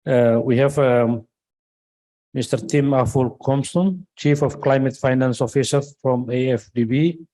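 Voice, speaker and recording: A man's voice: medium pitch, steady tone, measured pace, mellow, low-quality recording. A man moderating a conference session, introducing speakers in a hesitant way with many fillers.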